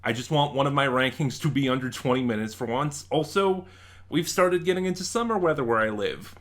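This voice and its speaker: Speaking briskly at medium pitch, a man from Nevada with an American accent runs a review channel. His ranking commentary is casual and opinionated, delivered informally and with emphasis.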